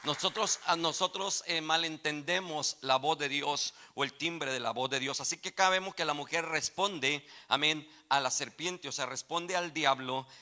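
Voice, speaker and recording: A man preaching a sermon as pastor in a church, asking for amens and putting questions to his congregation, rising from quiet teaching to loud fervent exclamations. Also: fairly high pitch, normal speed, few pauses. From Texas. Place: church sanctuary.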